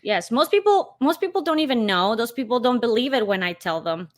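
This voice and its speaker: A woman's voice: on the high side, lively intonation, a little fast. A woman in her thirties from Colombia, a podcast guest talking casually and emphatically, with plenty of "you know". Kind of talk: casual interview chat.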